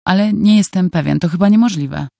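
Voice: mid-range voice, fairly quick, vocal fry, warm tone, dry recording, studio quality, close to an everyday voice. The audiobook reader voicing a brash, smug young man who talks with mocking swagger. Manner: boastful, mocking.

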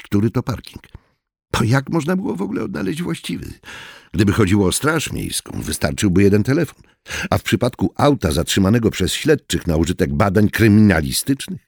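A man narrating a thriller with a husky, slightly breathy voice and a lively, rising and falling delivery. He voices the characters himself. The sound is dry and close. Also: lowish voice, dry recording. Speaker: audiobook narrator.

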